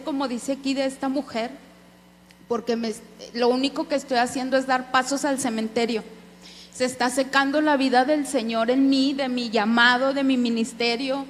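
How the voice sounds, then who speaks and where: A woman preacher giving an earnest sermon testimony, speaking directly to her listeners as brothers. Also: high-pitched. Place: church hall. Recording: echoey hall with faint hum.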